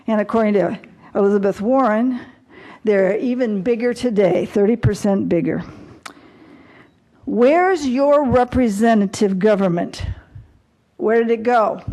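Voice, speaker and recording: Woman at a council podium, fervent and rhetorical, mid-pitched voice. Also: warm tone. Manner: impassioned, rhetorical. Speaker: public commenter. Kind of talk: public comment speech.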